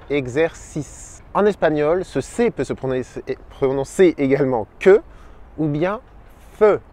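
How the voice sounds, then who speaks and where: A man giving an upbeat video lesson as a language teacher, sounding out each letter slowly and clearly. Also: a little high, a little mellow. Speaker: Spanish teacher.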